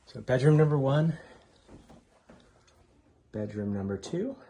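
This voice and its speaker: A man casually narrating a walking tour of a house, offhand and relaxed with frequent ums. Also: mid-range voice, slow. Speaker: home tour host. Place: inside a house being toured.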